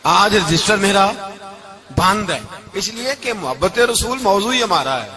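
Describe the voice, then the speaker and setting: A man preaching a religious sermon, impassioned, moving from soft storytelling to shouts and slow chanted verses. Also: sits high, animated. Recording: live event with audible crowd. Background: audience crowd.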